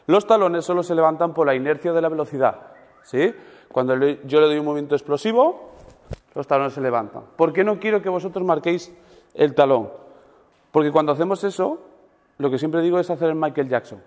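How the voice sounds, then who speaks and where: A man coaching a class in a large gym, his voice pitched a little high and ringing with long reverb off the hall. He talks in an animated, demonstrative way and checks in with his listeners after almost every point. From Spain. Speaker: weightlifting coach. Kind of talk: coaching a seminar group.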